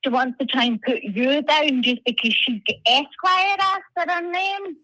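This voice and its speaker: A woman calls in to a live stream, her voice fairly high and bright. She chats eagerly and jumps in to back up the host. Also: normal speed, low-quality recording. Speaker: caller. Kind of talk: casual phone-in chat.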